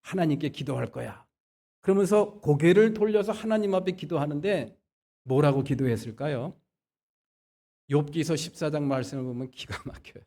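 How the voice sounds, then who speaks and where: A man preaching a Sunday sermon as pastor. He moves between quiet asides and loud, emphatic exhortation. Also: fairly high pitch, normal speed. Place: church sanctuary.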